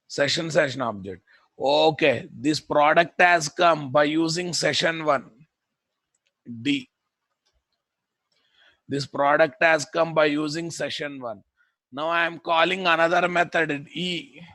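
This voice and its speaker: A programming instructor with a Telugu Indian accent delivers a live coding lecture to students, repeating phrases and pushing them with blunt questions. His voice is slightly high, bright, and forceful, recorded dry.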